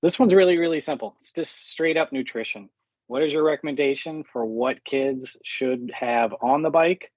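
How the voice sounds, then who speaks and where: Brief: casual male questioner, slightly husky, hesitant, dry dull recording. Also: medium pitch, moderate pace, no echo. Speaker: questioner in team discussion. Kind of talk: casual team talk.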